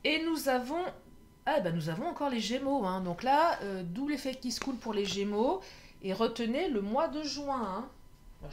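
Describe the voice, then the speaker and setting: A woman giving a casual, chatty tarot reading to her viewers, often laughing and pausing on filler sounds. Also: on the high side, slight background noise. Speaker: tarot card reader.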